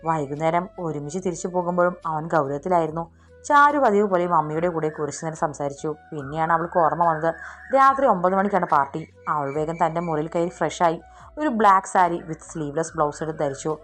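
A woman narrating a romantic audiobook story in a steady storytelling manner, with faint music behind. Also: low-pitched, a little fast.

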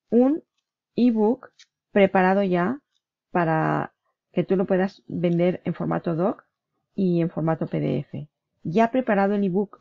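A woman's voice: lowish voice, creaky, no echo, phone-quality sound. A woman walking through her computer screen in a casual, chatty way, often checking in with her viewer and correcting herself mid-word. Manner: chatty, self-correcting, asks ¿vale? often. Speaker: online business vlogger. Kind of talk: casual screen-share walkthrough.

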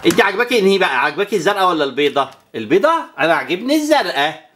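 Fast, animated Egyptian woman. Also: lowish voice, slight background noise. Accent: Egyptian Arabic. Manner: animated, counts aloud and makes whooshing sound effects. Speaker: toy channel presenter. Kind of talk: playing with toys alongside a child and talking to viewers.

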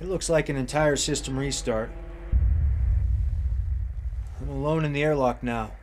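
A man's voice: mid-range voice, unhurried, a little hiss or hum, natural voice. A man in his thirties acting in a film drama as a stressed astronaut trapped alone, speaking urgently in clipped radio phrases. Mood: shaken. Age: 30s. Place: small enclosed airlock set.

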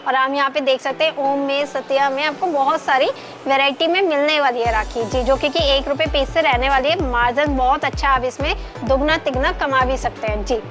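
A woman's voice: high-pitched, steady tone, a little fast, over music. A young woman hosting a market video, presenting products in an upbeat, casual way with frequent affirmations, recorded indoors on a lapel mic. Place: indoor wholesale shop.

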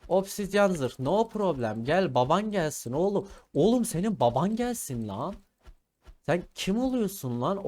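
A man giving casual gaming commentary, teasing and trash-talking his opponents playfully as he plays. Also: on the high side. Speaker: gaming video creator.

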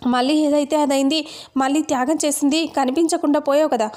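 A woman's voice: high voice, steady tone, fairly quick, natural voice. A woman reading the lines of an angry young husband who feels betrayed, in an accusing tone. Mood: bitter accusing. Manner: accusing, shouting.

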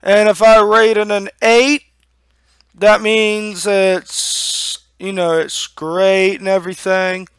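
A young man giving a casual, halting review to camera on a headset mic, talking with a lip full of dip. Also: sits high, flat delivery, a bit bright, clear, resonant tone, no echo. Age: young adult. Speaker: amateur product reviewer. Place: small room at home. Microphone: headset microphone.

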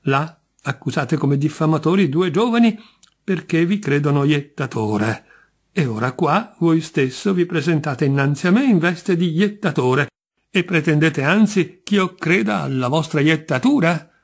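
A patient, wearily kind judge, as a male reader puts him on, coaxing and reasonable. The husky voice sits higher than plain talk and stays mild even when exasperated. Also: measured pace, heavily acted. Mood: puzzled.

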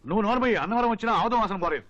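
A woman playing a bossy sharp-tongued mother. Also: a little high, lively intonation, very fast, lo-fi sound, lightly acted. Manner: bossy, snapping.

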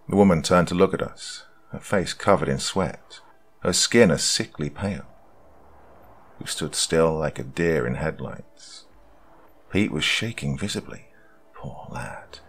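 A man narrating a scripted first-person horror story in a slow, hushed storytelling delivery, recorded close on a studio mic. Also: rumbling low, creaky.

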